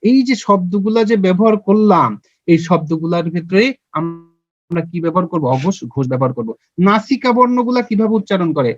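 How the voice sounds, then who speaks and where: A young man with a high voice teaches a grammar lesson online. He takes it step by step and quizzes his listeners, then answers himself. The recording is dry and dull, with a lo-fi sound. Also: expressive, fairly quick, no room sound. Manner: has listeners repeat sounds with him.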